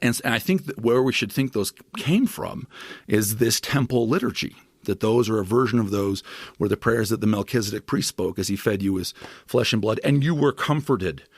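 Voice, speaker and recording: A scripture scholar appearing as a podcast guest explains his reading with eager enthusiasm, lecturing through many asides and often tagging "right?" onto points as he builds his argument. His voice is lowish and his pace moderate. The studio recording is clean, without any room sound.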